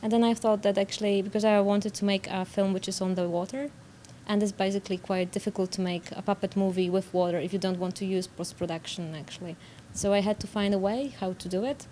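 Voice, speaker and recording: A woman's voice: medium pitch, fairly even intonation, fast, hardly any pauses, dark tone. A young woman with a Polish accent giving spontaneous answers in an interview as a student animator. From Poland. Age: young adult. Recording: background noise.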